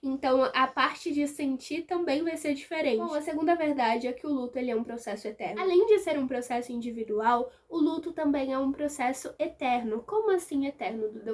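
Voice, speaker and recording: A young adult woman with a Brazilian accent hosts a personal vlog, explaining things emphatically and speaking directly to her viewers. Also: high voice. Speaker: YouTube host.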